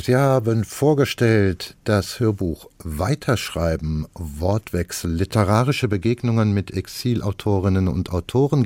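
A male radio host presents audiobooks in a dark, mellow, fairly low voice. He asks measured questions, and the studio sound is dry. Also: dry recording. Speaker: radio culture show host. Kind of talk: radio book review presenting. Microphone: studio microphone.

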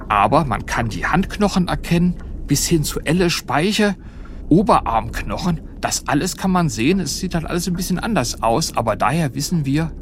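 A man's voice: fairly high pitch, slight background noise. A man speaking as an expert, explaining step by step in simple words, as in an interview. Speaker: whale expert.

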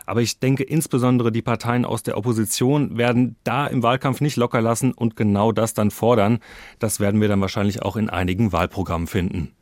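A man's voice: fairly low pitch, fairly even intonation, brisk, no echo, studio quality. A man reporting as a political correspondent on the radio in a conversational, analytical way.

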